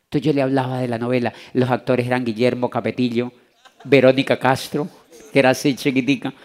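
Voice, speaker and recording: A man from Latin America telling an animated personal story to a convention audience, acting out the voices in it. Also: medium pitch, fairly quick. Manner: animated, acts out voices in his anecdotes. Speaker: motivational speaker. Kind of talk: storytelling talk to a live audience. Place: convention hall.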